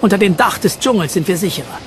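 A man's voice: high-pitched, expressive, quick pace, a little hiss or hum, pitched above the performer's own voice. A man voicing a smug, self-satisfied male pirate captain in an audiobook, with a mocking manner.

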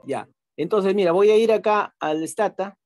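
A man teaching an online class, patiently walking through software steps, repeating himself and checking in with tag questions. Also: high-pitched, normal speed, no echo, clean studio sound, soft background music.

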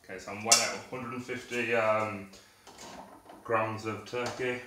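A man's voice: lowish voice, flat delivery, moderate pace. A young man chatting casually through a video diary in his small home kitchen, rambling with lots of fillers, picked up by a camera across the room. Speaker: fitness vlogger. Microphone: camera mic from across the room. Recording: echoey kitchen, camera far off, noisy.

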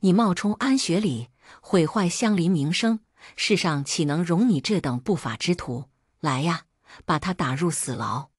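A woman's voice: lowish voice, lively intonation, a little slow, slightly rough, dry recording, clean studio sound. A woman voicing a stern male magistrate who hands down judgments in a commanding, lecturing way.

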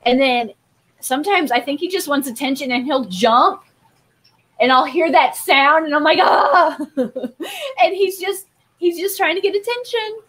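A woman's voice: sits high, expressive, unhurried, a bit bright. A woman guest on a fish-keeping video call, chatting casually about her fish and laughing often. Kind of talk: casual chat. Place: home room with lit aquariums. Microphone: webcam on a video call.

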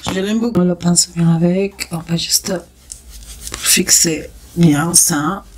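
A woman's voice: medium pitch, background noise. A woman with a Spanish accent, a beauty vlogger chatting playfully through a makeup tutorial with cheerful exclamations.

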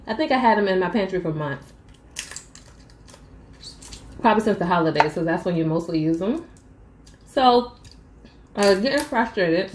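In a small room at home, a young mukbang vlogger chats casually with her viewers, calling them "y'all" and taking bites between sentences. Her voice is medium-pitched. The audio is reverberant, with slight background noise.

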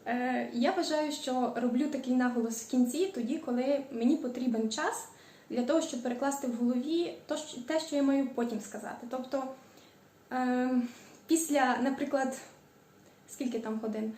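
A woman from Ukraine chatting casually in a home cooking vlog, stretching out the ends of words and pausing on filler sounds. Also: high-pitched, a little mellow. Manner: stretches out word endings; frequent hesitant fillers. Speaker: cooking vlogger. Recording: echoey room.

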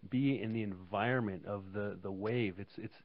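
Lowish-voiced man, eager guest. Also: moderate pace. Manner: enthusiastic, stammering restarts. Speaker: limousine company guest. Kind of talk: casual interview chat. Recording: dull lo-fi sound.

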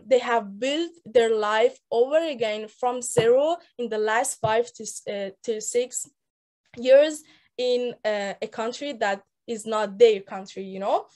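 Woman, 19, Persian-accented English, somewhat high-pitched; earnest, halting storyteller on a video call. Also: darkish tone. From Afghanistan, raised in Iran. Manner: earnest, halting, with many restarts. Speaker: speaker on a mentorship call. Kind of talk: personal story talk on a group call. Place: indoor room. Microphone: laptop webcam on a video call.

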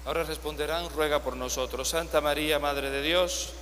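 A man's voice: fairly high pitch, fairly even intonation, moderate pace, a crowd in the background. A man serving as priest, leading a baptism rite in a large church and coaxing the parents and godparents through their answers in an instructive way. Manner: instructive, gently coaxing the congregation. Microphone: far phone camera in the congregation. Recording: echoey church from a distance, faint hum.

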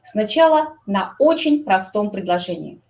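A woman teaching an English grammar lesson, explaining slowly and repeating English example sentences. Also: medium pitch, animated, darkish tone.

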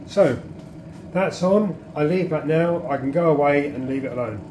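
A man's voice: fairly high pitch, moderate pace, warm tone, echoey room, a little hiss or hum. A man giving plain, practical, chatty instructions on drying garden herbs at home. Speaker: gardener showing how to dry herbs. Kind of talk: casual how-to demonstration. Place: home kitchen, indoors.

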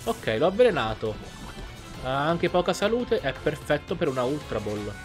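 Faint game music plays behind a man whose slightly high voice swings widely in pitch at a normal pace. He's a gaming YouTuber doing a casual let's play, chatting, thinking out loud, and exclaiming as he reacts to the game.

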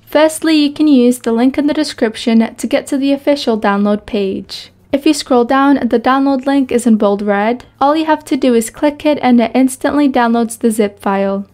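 A woman's voice: high-pitched, moderate pace, few pauses, dark tone. A young adult woman hosting a gaming video, with gameplay chat and tutorial narration.

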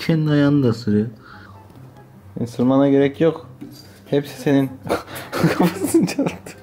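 A man's voice: on the high side, very animated, slow pace, warm tone, faint music behind. A man casually chatting in a home vlog, playful and laughing as he teases and scolds a biting puppy. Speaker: vlogger playing with his new puppy. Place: at home indoors.

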